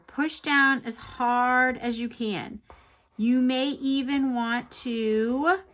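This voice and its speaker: A woman with a fairly high, very bright voice leads a children's art lesson. She speaks as a teacher and host, explaining things step by step in simple words. Her manner is encouraging. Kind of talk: instructional craft lesson for children.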